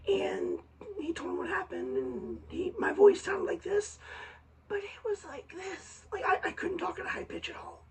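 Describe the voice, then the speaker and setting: A young woman vlogger gives a casual personal update in a very high but raspy, hoarse voice, gravelly after vocal surgery. Her intonation is fairly even and a little mellow, her delivery halting with many ums and restarts, picked up by a slightly distant mic with faint hiss.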